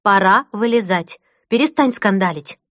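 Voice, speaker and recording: Harried young mum, brisk and scolding, close dry sound, as a woman narrator puts her on. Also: mid-range voice, expressive, no room sound, close to an everyday voice. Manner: brisk, scolding, then soft and soothing. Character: harried young mother, brisk and guilt-prone.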